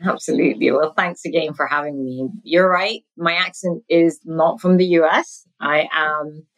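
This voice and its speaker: A Sudanese woman in her forties with a British accent chats as a podcast guest in a conversational interview, laughing often. Her voice sits low with a steady tone at normal speed, and the recording quality is poor.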